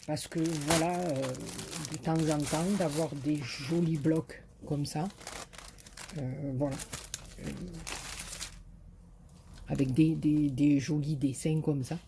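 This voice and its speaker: This craft vlogger's voice is deep and steady, taking its time with frequent pauses, against some background noise. She speaks with a Marseille accent from southern France, chatting hesitantly and full of fillers in her haul video, enthusiastic about her paper designs.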